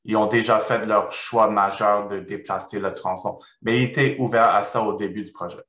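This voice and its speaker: Halting, echoey man with foreign-accented French. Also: fairly low pitch, fairly even intonation, fairly bright tone. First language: not French. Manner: halting, searching for words. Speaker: research presenter. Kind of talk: academic presentation and question answering. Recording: roomy, echoing sound.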